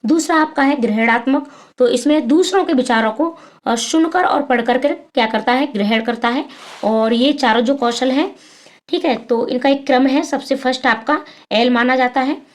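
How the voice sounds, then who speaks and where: Woman, high voice, teacher giving an exam-prep lecture; answers her own questions, lots of fillers. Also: moderate pace.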